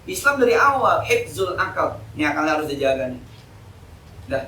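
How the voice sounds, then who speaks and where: A man's voice: fairly high pitch, big pitch swings, normal speed, sharp tone, a little hiss or hum. A man giving a casual, joking evening sermon at a mosque, full of colloquial street slang. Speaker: ustadz giving an Islamic study lecture. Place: mosque hall. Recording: echoey hall, mic from a distance.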